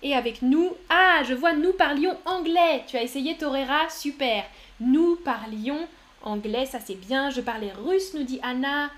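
Teaching French on a live stream, a high-voiced woman reads viewers' chat answers aloud one by one and praises every one, sounding encouraging and upbeat. She speaks unhurriedly with a fairly bright tone.

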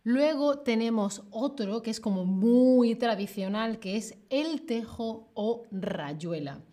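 A young woman teaching Spanish on a livestream, speaking slowly and clearly and playfully acting out examples. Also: on the high side, lively intonation, warm tone. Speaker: Spanish teacher streaming live. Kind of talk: livestream language lesson.

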